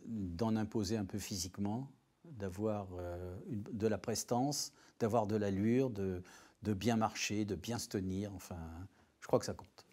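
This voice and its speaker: A man's voice: on the low side, unhurried, dark tone. A man recollecting in an interview, speaking spontaneously and hesitantly, repeating himself.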